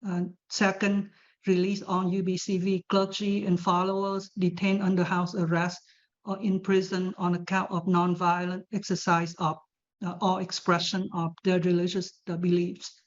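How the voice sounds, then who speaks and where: Woman, panelist giving testimony at a hearing, hesitant and halting, lowish flat voice, muffled dull recording. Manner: hesitant, halting, many fillers. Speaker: panelist speaking for a religious community.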